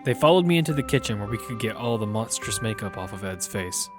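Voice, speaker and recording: As narrator and lead actor of an audio drama, a man plays Damian, a single father fiercely protective of his six-year-old daughter, speaking both in narration and in scenes. His fairly low voice is animated and quick, lightly acted, with a reflective tone. Loud background music sits beneath him.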